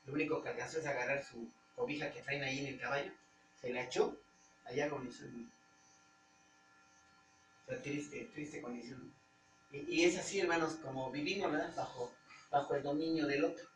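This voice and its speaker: A man with a Mexican accent, a pastor preaching conversationally to his congregation, often pausing and searching for words. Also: mid-range voice. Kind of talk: informal Bible-study preaching. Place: church hall. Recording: roomy church hall, distant mic, faint hum.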